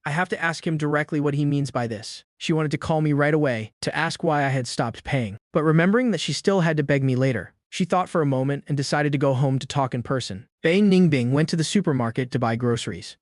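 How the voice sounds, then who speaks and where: Slightly high dry male story narrator. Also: quick pace, few pauses, no echo. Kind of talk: scripted story recap narration.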